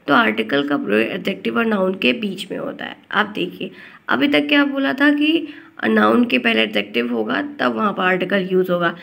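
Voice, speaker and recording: A woman teacher giving an online grammar lesson, speaking slowly and deliberately because a dry cough leaves her short of breath. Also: fairly high pitch, vocal fry, a bit bright.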